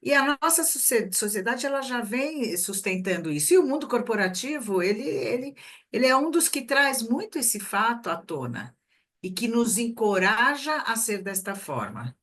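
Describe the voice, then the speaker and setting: A middle-aged woman, a guest expert, talks through workplace communication in a relaxed interview, explaining her ideas with everyday examples. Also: on the high side, moderate pace. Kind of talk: conversational interview.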